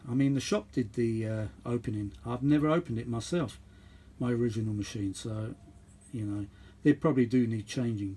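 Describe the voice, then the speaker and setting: A middle-aged or older man who vlogs about repairing vintage audio gear chats casually as he works, rambling and thinking aloud. His voice is medium-pitched and warm.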